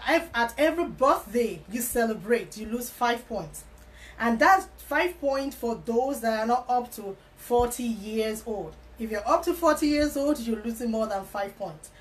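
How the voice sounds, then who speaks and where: Earnest woman immigration consultant. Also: on the high side. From Canada, living in Alberta. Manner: earnest, repeats key words, frequent fillers. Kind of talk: explanatory advice talk to camera.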